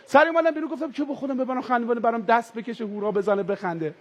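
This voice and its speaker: A man performing stand-up comedy, telling a story in an animated way and switching into character voices. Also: extremely high pitch, muffled recording. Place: stage before a live audience.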